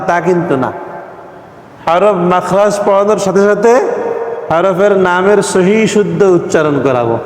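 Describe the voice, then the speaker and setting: A man, teaching fellow Quran teachers in a lecture and quizzing them with questions. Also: sits high. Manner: questions the audience and asks them to answer. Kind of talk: classroom lecture. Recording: echoey hall with long reverb.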